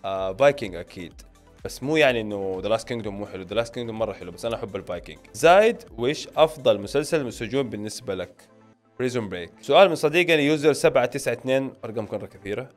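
With music running beneath him, a young Saudi man from the Hejazi region talks very fast in an animated, mid-range voice. The late-twenties film and series YouTuber reads his audience's questions aloud and replies informally to camera, speaking into a close microphone on a stand in a small indoor home studio.

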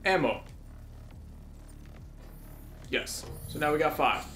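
A man's voice: fairly high pitch, animated, takes it slowly, bright, forceful tone, soft background music. A young man playing a game and chatting casually in short, offhand, sweary remarks. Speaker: gamer playing and commenting. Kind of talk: casual gameplay chat. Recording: echoey with faint game noise.

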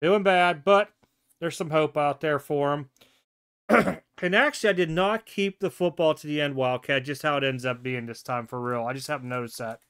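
Speaking at a moderate pace in a clean, fairly high voice, a sports card collector sits at his indoor home desk among card displays and walks through the cards from his mail. It's a casual show-and-tell vlog, and he stays loose and talkative, musing out loud and catching his own slips.

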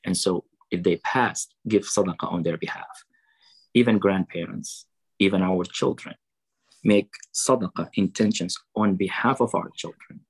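Husky-voiced man preaching over a video call. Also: sits low, poor audio. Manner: quotes Arabic sayings, then translates and explains them slowly. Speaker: preacher at a fundraiser. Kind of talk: online fundraising sermon.

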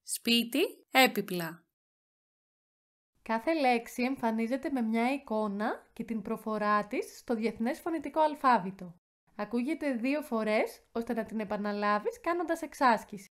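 A woman with an Athens Greek accent reading a scripted vocabulary list, carefully pronouncing each word twice. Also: a little high. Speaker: language teacher.

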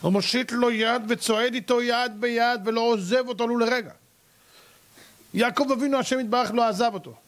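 A man giving a sermon as a rabbi, telling a story and acting out its characters with cries and exclamations. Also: extremely high pitch. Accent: Israeli Hebrew. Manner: animated, acts out characters and cries out.

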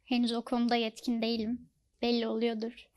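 A young woman guest from a student club, answering modestly in a soft-spoken way. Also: on the high side, monotone, quick pace. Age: young adult.

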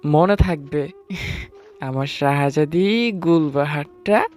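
Music runs under a man's slightly high, darkish voice as he slowly narrates his own love story. He takes on the role of a teasing, affectionate husband in this dramatized first-person telling.

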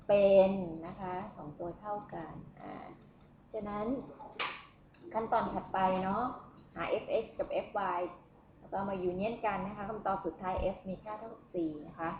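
A woman lecturing at a university on math, who keeps asking the class questions as she works through the steps. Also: mid-range voice. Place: lecture room. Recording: echoey room, tinny phone-like sound, faint noise.

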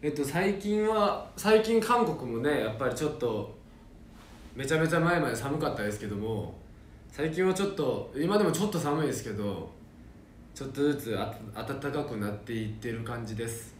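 A man's voice: mid-range voice, a little fast, reverberant, a little hiss or hum. Young man chatting casually on a livestream. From Japan. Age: young adult. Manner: relaxed, reads comments aloud and answers them playfully. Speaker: idol reading fan comments on a livestream.

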